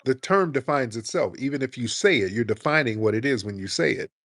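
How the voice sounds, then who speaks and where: A man's voice: medium pitch, lively intonation, a little fast, fairly bright tone. A man hosting a casual audio chat room, making his point insistently with rhetorical questions. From United States.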